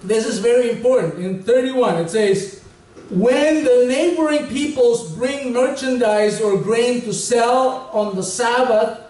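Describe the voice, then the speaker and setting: A man's voice: extremely high pitch, measured pace, a little mellow. A middle-aged male pastor preaching a conversational sermon with humor, heard from a distance in a church hall. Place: church hall stage with large windows behind. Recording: echoey hall, voice from far off.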